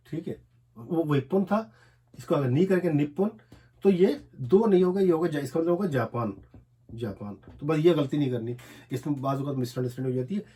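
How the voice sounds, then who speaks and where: A man with an Urdu accent teaching a language lesson, explaining as he writes and repeating each word slowly, syllable by syllable. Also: fairly high pitch, lively intonation, warm tone. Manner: repetitive, drills words slowly one syllable at a time. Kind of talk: explaining a lesson while writing on a board.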